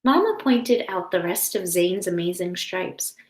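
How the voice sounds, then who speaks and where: Reading a picture book to young children, a woman teacher pauses to explain things in simple, careful language. She speaks unhurriedly with a fairly low pitch and lively intonation, recorded in a roomy, echoing indoor space.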